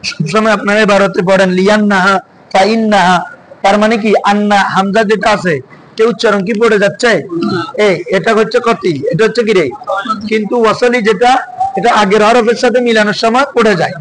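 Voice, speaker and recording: Bangladeshi guy teaching grammar, keeps firing questions at the class, high voice. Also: steady tone, brisk, noisy background. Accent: Bangladeshi Bengali. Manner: drills students with repeated questions. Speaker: madrasa teacher. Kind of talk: classroom Arabic grammar lesson.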